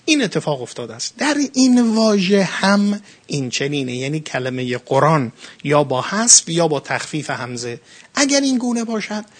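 A man's voice: on the high side, sing-song. Earnest man giving a religious lecture. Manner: earnest, emphatic teaching with rising bursts and slow stressed phrases. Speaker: Quran lecturer.

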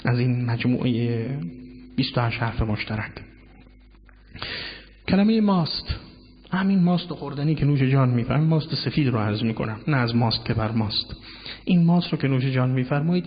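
A man giving a measured lecture on word origins, drawing out key words and reciting Arabic phrases. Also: mid-range voice. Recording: dull lo-fi sound with long hall reverb.

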